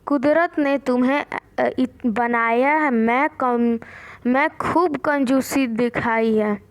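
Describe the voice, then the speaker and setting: A proud, mocking bull elephant from a children's storybook, voiced by a woman teacher reading aloud. He boasts of his strength in a high voice. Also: takes it slowly, clean tone. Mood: boastful, mocking. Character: boastful laughing male elephant.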